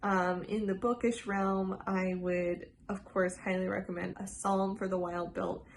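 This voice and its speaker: A book vlogger talks unhurriedly in a mid-range voice with little pitch movement, over a little hiss or hum. Her casual book tag video is chatty and enthusiastic, packed with fillers, while she sounds a bit congested and under the weather from a cold.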